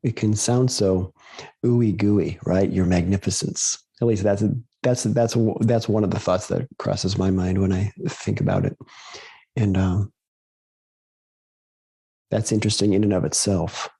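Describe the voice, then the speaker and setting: A man's voice: on the low side, fairly even intonation, a little slow, gravelly, warm tone, husky, no room sound. A man guiding a meditation series, talking casually and rambling with many fillers and restarts. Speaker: meditation guide. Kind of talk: casual spoken reflection.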